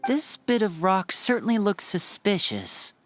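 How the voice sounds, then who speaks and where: A woman's voice: medium pitch, sing-song, a little slow. A woman playing a serious, wary adventurer in a fantasy game, composed and questioning. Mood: suspicious. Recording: long reverb with music behind.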